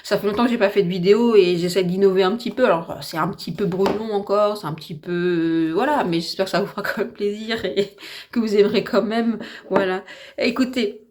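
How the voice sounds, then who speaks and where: A slightly hoarse woman with a French accent chatting casually and enthusiastically through a makeup tutorial at home, with lots of fillers. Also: mid-range voice, steady tone, a little fast, a little mellow, a little hiss or hum. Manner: chatty, enthusiastic, repeats herself with many fillers. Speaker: beauty vlogger. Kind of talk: casual get-ready-with-me makeup chat.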